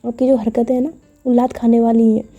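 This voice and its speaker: Woman doing a sulky young woman snapping back, husky and a bit high, soft music behind. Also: little pitch movement, fast talker, lo-fi sound, natural voice. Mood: scolding. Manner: scolding, sharp retorts. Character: sulky scolding young woman, easily offended.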